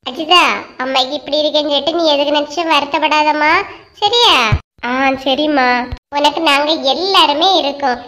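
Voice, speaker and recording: High-pitched woman with a Kanyakumari Tamil accent. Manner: animated, scolding and quarrelsome. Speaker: narrator voicing all characters. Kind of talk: cartoon voice acting.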